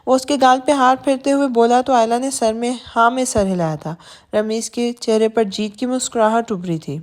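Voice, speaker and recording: A woman narrating a romance novel as an audiobook, reading softly and evenly. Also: a little high.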